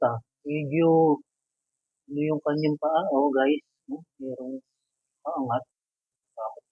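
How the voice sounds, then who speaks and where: A man's voice: mid-range voice, husky, no echo, narrow, tinny audio. A man casually reviewing and unboxing an action figure, chatty and joking, with English words mixed into his talk. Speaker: toy reviewer.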